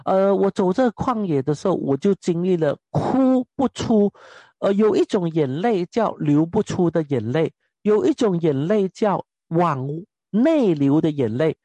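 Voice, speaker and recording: Young guy preaching, high voice, keeps asking the crowd questions, dry close sound. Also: unhurried, no room sound. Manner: animated, keeps asking the audience rhetorical questions. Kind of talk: sermon testimony.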